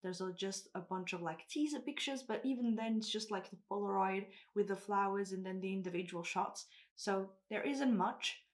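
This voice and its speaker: A woman hosts a music reaction video and talks straight to her viewers at a middling pitch. She is thoughtful and hedges her points. She sounds a little breathless and nervous. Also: moderate pace, few pauses. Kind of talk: casual reaction commentary.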